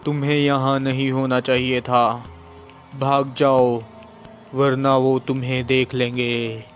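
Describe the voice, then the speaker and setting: Brief: man playing an uncanny old woman, deep and strange, slow flat warning, music underneath. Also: close to an everyday voice. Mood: ominous. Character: eerie old village woman giving a warning.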